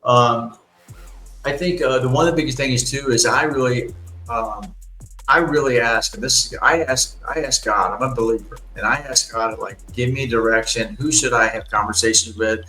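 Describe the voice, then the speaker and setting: A man in his fifties talks earnestly and at length, circling back and restarting his sentences. His voice sits at an ordinary pitch. It rings in a roomy space with faint music behind it. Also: moderate pace, sharp tone. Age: 50s. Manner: earnest, rambling with many restarts. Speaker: podcast host. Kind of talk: casual conversation.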